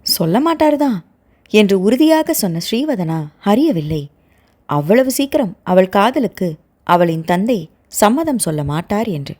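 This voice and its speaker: A woman narrating an audio novel in an expressive storytelling manner. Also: medium pitch, measured pace. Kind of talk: scripted narration.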